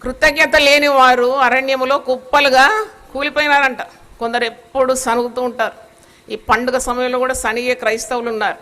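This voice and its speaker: Woman pastor, preaching a sermon; high, bright, forceful and scolding. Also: little pitch movement, normal speed.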